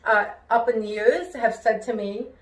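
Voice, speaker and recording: A singer and show host from New York talks at a measured pace in a fairly high voice, her hearing-impaired speech turning r sounds toward w. Carefully pronounced with worked-on inflection, her personal conversational talk is expressive and emphatic, in an echoey room.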